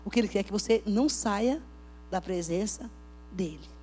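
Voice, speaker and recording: A woman preaching a Pentecostal sermon at a church service, emphatic, swinging between loud outbursts and hushed talk. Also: medium pitch, moderate pace, slight background noise.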